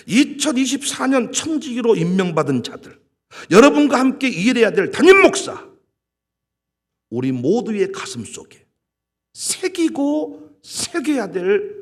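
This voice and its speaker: Male pastor preaching, voice swings all over the place, kinda husky. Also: high voice. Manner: animated, emphatic, dramatizes with quoted voices. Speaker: senior pastor. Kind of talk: sermon.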